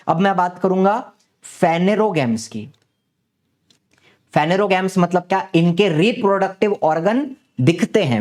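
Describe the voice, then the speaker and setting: A man's voice: high-pitched, darkish tone. A young man teaching a biology class online, repeating words and asking students questions as he explains.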